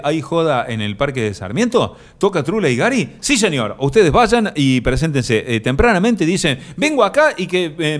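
A man with an Argentine accent hosting a live stream, reading viewer comments and rambling through mock-serious jokes with many fillers. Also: on the high side. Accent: Argentine Spanish. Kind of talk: joking casual chat.

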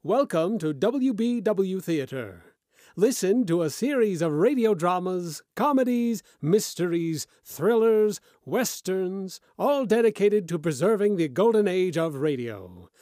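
A man's voice: high voice, expressive, unhurried, dark tone, no echo, clean studio sound. A man hosting a show, giving a theatrical, sweeping scripted introduction. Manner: theatrical, sweeping announcer delivery. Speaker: show host.

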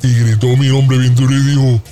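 A man, co-hosting a morning radio show and telling a comic story with slang and dramatic pauses. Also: medium pitch, little pitch movement, mellow, faint music behind.

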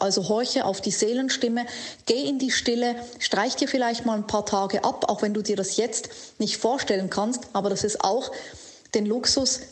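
A woman coach gives a motivational talk, addressing the listener directly. She speaks slowly and earnestly, leaning on key words. Her voice sits at an ordinary middle pitch. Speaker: life coach. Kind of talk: motivational monologue to camera.

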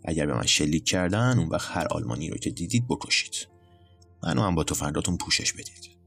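A man with a very deep voice playing a brisk, decisive young male army officer. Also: lively intonation, creaky, a bit bright, soft background music, heavily acted.

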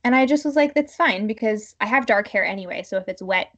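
Woman, podcast co-host, casual chat, halting filler-heavy phrasing, medium pitch, muffled lo-fi audio. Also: animated.

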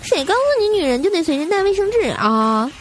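A woman voicing a whiny young wife who pleads with her husband in a shrill, sing-song voice. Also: big pitch swings, brisk, faint music behind.

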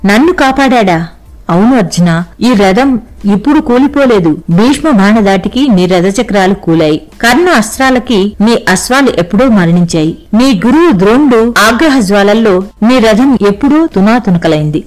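A woman's voice: medium pitch, expressive, moderate pace, natural voice, low-quality recording. A woman voicing a devout male monkey god who explains patiently and reverently in a storybook reading. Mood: amused, explaining.

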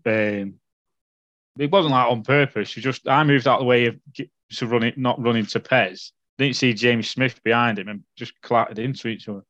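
A man, a guest on a casual podcast, recalling stories in a rambling, halting way. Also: medium pitch, steady tone, a bit bright, no room sound. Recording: dull, dry mic sound.

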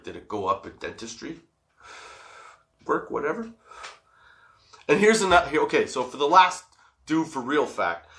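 A man's voice: medium pitch, fairly bright tone. A man hosting a casual, comedic solo podcast, stoned and rambling, giggly, drawing out the odd word. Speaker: podcast host.

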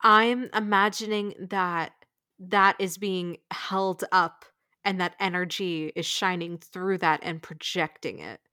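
A woman's voice: on the low side, fairly even intonation, takes it slowly, sharp tone, no echo, clean studio sound. A young woman co-hosting a casual podcast, rambling with lots of filler words and frequent giggles. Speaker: podcast co-host.

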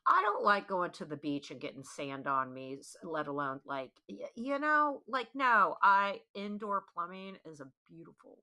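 A woman's voice: fairly low pitch, normal speed, few pauses. A young woman hosting a podcast, telling a story bluntly and with a lot of swearing. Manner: blunt, profane, animated. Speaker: podcast host.

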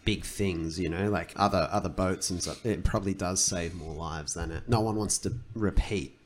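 A man's voice: low voice, moderate pace, slight background noise. A man co-hosting a podcast, thinking aloud and retelling stories in a loose, rambling way. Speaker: podcast co-host. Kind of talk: casual podcast chat.

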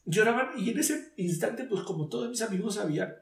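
A man with a high, animated voice speaks fairly quickly, with vocal fry and a faint hiss or hum. He's a guest sharing an emotional faith testimony, earnest and searching, often restarting his sentences. The distant mic picks him up in an echoey room.

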